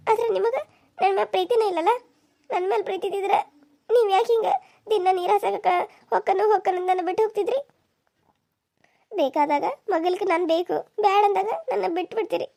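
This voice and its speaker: A woman's voice: very high voice, vocal fry, warm tone, dry recording, clean studio sound. A woman voicing a hurt, suspicious young village wife in a cartoon serial, with a North Karnataka Kannada accent, tearful and accusing.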